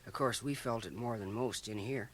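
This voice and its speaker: In a 1980 radio drama transferred from a home cassette, a man with a mid-range voice plays a folksy, gossipy small-town barber with a Canadian accent. Speaking at normal speed in a lightly acted, rambling monologue, he chuckles and slips into confidential asides over slight background noise.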